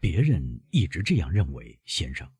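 A man voicing a hushed, smug old major. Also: very deep voice, wildly swooping pitch, moderate pace, husky, no room sound, clean studio sound, heavily acted. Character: older man posing as a noble major, smug. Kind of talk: audiobook character reading.

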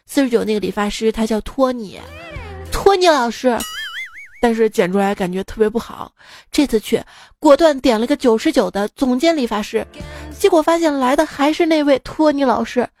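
Slightly hoarse woman telling jokes. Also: fairly high pitch, expressive, normal speed, darkish tone, faint music behind. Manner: playful, dry self-mocking delivery. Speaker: radio host. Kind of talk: casual comedic joke telling.

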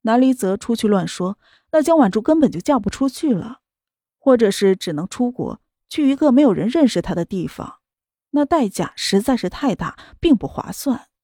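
A female audiobook narrator tells the story in a steady, measured way. Her voice sits a little high but sounds soft and mellow. The recording is dry and close. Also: dry recording. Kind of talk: scripted novel narration.

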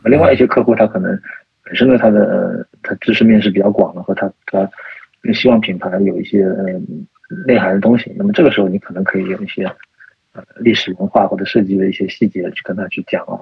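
Husky, fast-talking man with gravelly voice. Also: sits low, fairly even intonation, no echo. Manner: hesitant, many fillers and restarts. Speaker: guest, type researcher. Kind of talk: casual podcast conversation. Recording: dull lo-fi sound.

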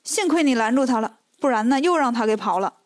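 A brash male monkey king, cheeky and quick to anger, voiced by a woman reading the tale. His voice rides high and impatient, the feisty hero of a storybook. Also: expressive, close to an everyday voice.

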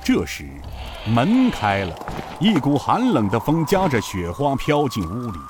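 A man narrating a serialized novel as an expressive, measured storyteller. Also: medium pitch, music in the background.

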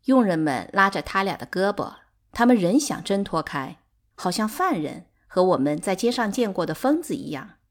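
A woman reading a novel aloud in calm, expressive narration. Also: medium pitch, normal speed. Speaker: audiobook narrator. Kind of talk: scripted narration.

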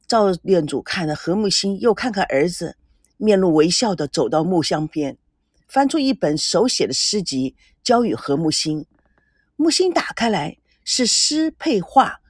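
A woman's voice: medium pitch, measured pace, breathy edge, dry recording, clean studio sound. A woman narrating an audiobook novel expressively. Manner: expressive, voicing each character.

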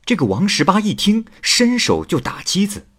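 A male storyteller narrating a classic tale with dramatic, expressive delivery. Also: normal speed. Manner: highly expressive, dramatic rise and fall.

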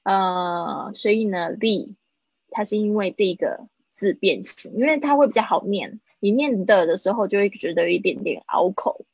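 A woman teaches English in a livestream lesson. Her voice is a bit breathy, at a middle pitch. She says the phrases slowly, then explains them briskly, and the dry recording sounds slightly muffled. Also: animated, a little mellow, no echo. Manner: slow drilled English phrases between quick Mandarin explanations.

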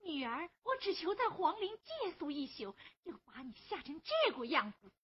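A woman's voice: high voice, sing-song, moderate pace. A woman playing a young woman pleading for justice in Huangmei opera, earnest and tearful, on a dull lo-fi recording. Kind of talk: Huangmei opera stage acting.

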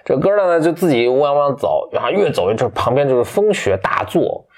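A man casually retelling a fairy tale from memory, loose and halting, with many restarts and fillers. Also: mid-range voice, big pitch swings, darkish tone. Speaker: storyteller.

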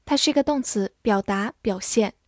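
A woman teaching English vocabulary, spelling each word letter by letter and reading example sentences slowly for practice. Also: mid-range voice, a little mellow, no echo, studio quality. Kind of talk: vocabulary lesson.

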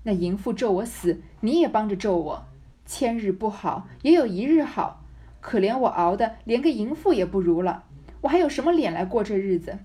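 A woman voicing a proud, sharp-tongued young noblewoman who complains bitterly in a storybook reading. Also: mid-range voice, animated, moderate pace, husky. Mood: aggrieved. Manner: complaining, bitter self-pity.

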